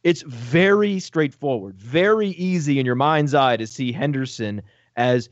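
A man talking fantasy football on a casual sports podcast, excitable and joking, with profane rapid asides. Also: mid-range voice, no room sound. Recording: dull lo-fi dry audio.

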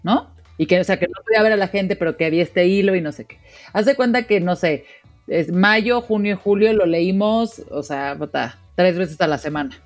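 A woman's voice: fairly low pitch, soft background music. A Mexican woman co-hosting a podcast, telling chatty personal anecdotes in casual conversation. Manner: chatty, quick anecdotes with fillers. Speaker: podcast co-host. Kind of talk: casual interview chat.

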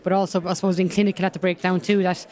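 A woman with a Kerry, west of Ireland accent talks in a casual sports interview. She explains things earnestly and quickly as a player, with little rise and fall in her pitch. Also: level tone, darkish tone. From County Kerry, Ireland. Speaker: rugby player being interviewed.

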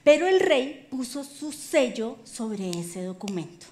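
A woman pastor preaching a sermon, telling the story in a lively way with colloquial humor. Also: on the high side, takes it slowly.

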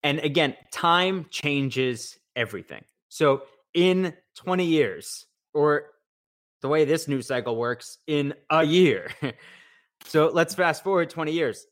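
A man co-hosting a sports podcast, chatting casually and teasing his partner in lively banter. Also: fairly high pitch, takes it slowly. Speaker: podcast co-host.

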